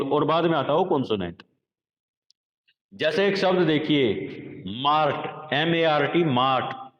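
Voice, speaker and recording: Man, teacher, slow deliberate lecture, repeats examples, somewhat high voice, long reverb, lo-fi. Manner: slow, repetitive, addresses students as children. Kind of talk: classroom phonetics lecture. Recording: echoey lo-fi room recording.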